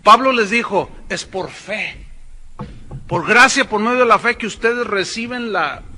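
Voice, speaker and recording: A man's voice: sits high, measured pace, bright, forceful tone, slight background noise. A man preaching a sermon as pastor, emphatic and speaking straight to the congregation with sarcastic asides.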